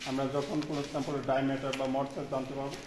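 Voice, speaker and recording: A man's voice: mid-range voice, little pitch movement, very fast. A man guiding students through a laboratory, naming each machine and explaining its use step by step. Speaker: lab instructor. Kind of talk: lab equipment tour explanation. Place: large echoey laboratory. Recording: roomy echo, long reverb, faint noise.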